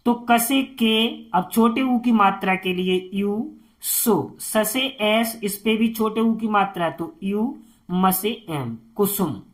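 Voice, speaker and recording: A woman's voice: medium pitch, slow pace. A woman teaching a beginners' spelling lesson, sounding out words letter by letter.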